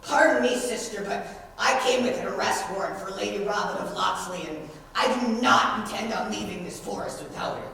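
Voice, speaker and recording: A woman's voice: mid-range voice, a little fast, gravelly, a bit bright. Young woman as a blustering Sheriff of Nottingham, echoey hall. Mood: indignant. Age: teenager. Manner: pompous, declaiming. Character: blustering, self-important Sheriff of Nottingham, indignant villain. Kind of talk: school stage play acting. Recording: distant, echoey stage recording with noise.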